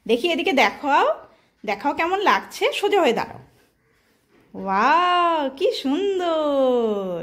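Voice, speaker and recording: A woman chatting casually through a home vlog, coaxing her young son in a sing-song way. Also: mid-range voice. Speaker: vlogger and mother.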